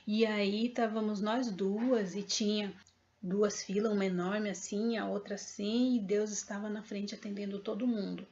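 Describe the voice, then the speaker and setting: A woman's voice: medium pitch, a little mellow. A woman recounts a personal spiritual experience in an earnest, storytelling way, repeating phrases and voicing the people in her story. The recording sounds dull and lo-fi, with a faint hiss underneath. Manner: earnest, repetitive storytelling that acts out dialogue. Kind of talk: personal testimony.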